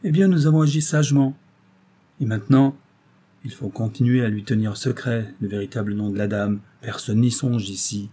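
A man's voice: medium pitch, moderate pace, slightly rough, lightly acted. A man reading aloud voices a playful, mischievous young woman who teases an older man. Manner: lively, teasing.

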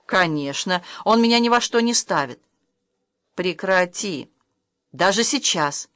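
A woman's voice: mid-range voice, animated, measured pace, fairly bright tone, no echo, studio quality. A woman reading the lines of a distressed young stepmother, reproachful and emotional, her voice rising when upset. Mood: hurt reproach.

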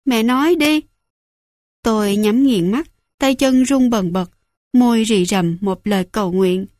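A woman's voice: mid-range voice, warm tone, no room sound, studio quality. Woman narrating in a reflective tone. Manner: measured, reflective. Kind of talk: first-person audiobook narration.

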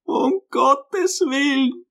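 A male narrator voicing a frail, anxious old mother who clings to her view with childish stubbornness, speaking slowly in a quavering voice. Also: extremely high pitch, gravelly, fairly bright tone, voice pushed up, heavily acted. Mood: alarmed. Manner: slow, fretful and sighing.

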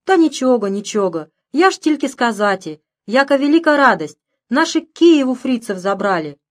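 A woman reading an audiobook, voicing an excited Ukrainian village neighbor woman with a sing-song Ukrainian accent. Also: high-pitched, moderate pace. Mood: joyful. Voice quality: sing-song, mixing Ukrainian words into Russian.

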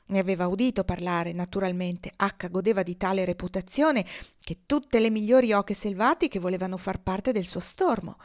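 A woman reading a classic children's novel aloud, with lively, expressive narration. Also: mid-range voice. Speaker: audiobook reader.

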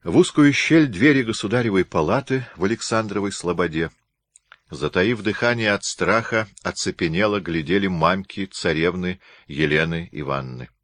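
A man reading a historical novel aloud as an audiobook narrator, in measured, even storytelling. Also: low-pitched, no echo, clean studio sound.

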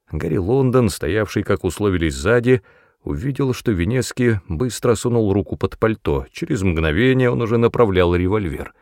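A man narrating an audiobook in a steady, measured reading voice. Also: on the low side, no room sound, studio quality.

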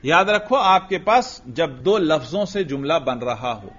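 A man teaching a grammar class, his voice pitched somewhat high and heard through a dull, lo-fi recording. He quizzes students with repeated questions and answers. Now and then he chants phrases slowly, almost in a sing-song. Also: lively intonation, fairly bright tone. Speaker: religious teacher.

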